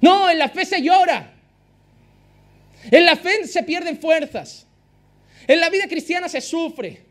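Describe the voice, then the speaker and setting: A pastor preaching an impassioned sermon, repeating phrases for emphasis. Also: male voice, very high voice, animated, takes it slowly, long pauses, a bit bright.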